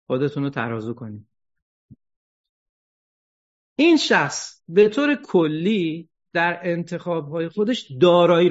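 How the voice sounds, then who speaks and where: A man giving an ethics lecture, animated, asking rhetorical questions and joking wryly. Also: a little high. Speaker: religious lecturer. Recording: dull lo-fi recording.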